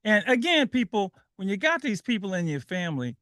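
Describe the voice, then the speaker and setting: A man hosts a call-in radio show with energy, repeating himself and laughing easily. His voice sits high and sounds bright and ringing. The studio sound is close and dry. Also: very animated, brisk, dry recording. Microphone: studio microphone.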